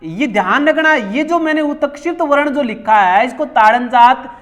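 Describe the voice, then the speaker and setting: Soft background music plays as a male coaching-class teacher with a very high, slightly bright voice runs through grammar at normal speed. Animated, he says each term repeatedly and asks questions only to answer them himself.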